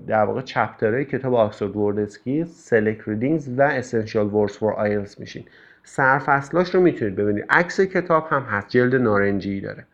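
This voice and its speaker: A male English teacher calmly explaining course tasks to students, with frequent fillers. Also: medium pitch. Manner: calm, explanatory, with many fillers. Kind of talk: recorded class instructions. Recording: dull lo-fi recording.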